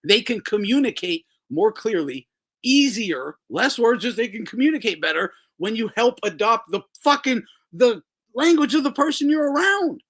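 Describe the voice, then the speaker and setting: A man with a high voice that swings widely in pitch, chatting casually as host of a boxing show. He swears freely, laughs a lot and slips into impressions of other people as he talks. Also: normal speed. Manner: animated, profane, laughs often and mimics people. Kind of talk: casual chat.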